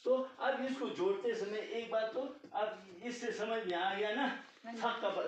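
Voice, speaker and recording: A man teaching a language class patiently, often checking whether his students follow. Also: sits high. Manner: patient, repeats "ठीक है" often, checks understanding. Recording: echoey room, distant mic, dull sound.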